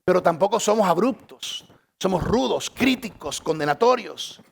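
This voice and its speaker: A male pastor preaching a sermon to a church congregation, lively and humorous, repeating phrases for emphasis. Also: high voice, normal speed, gravelly. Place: church stage.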